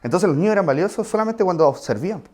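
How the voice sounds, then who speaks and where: A man's voice: high voice, expressive, fast, a little mellow. Conversational preacher man. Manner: conversational, asides to the congregation. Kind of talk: sermon.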